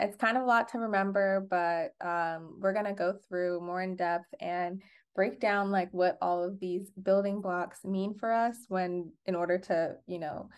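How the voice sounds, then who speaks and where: A woman's voice: on the low side, smooth. A young adult woman co-hosting a podcast, explaining things in a casual chat full of fillers and restarts. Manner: chatty, many fillers and restarts. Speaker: podcast co-host.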